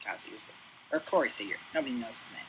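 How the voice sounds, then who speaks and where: A young man co-hosting a casual sports podcast, chatty and quick with jokes and side remarks. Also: medium pitch, very animated, creaky, a bit bright, breathy edge, poor audio. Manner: chatty, jokey interjections. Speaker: podcast co-host.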